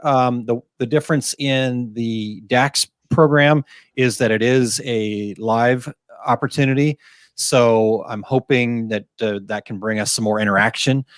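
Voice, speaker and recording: A man co-hosting a relaxed live Q&A show, reading viewer questions aloud and joking as he goes. He laughs often and keeps things light. His pitch sits in a typical middle range, and the sound is dry and close, with no room echo. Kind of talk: casual live Q&A chat.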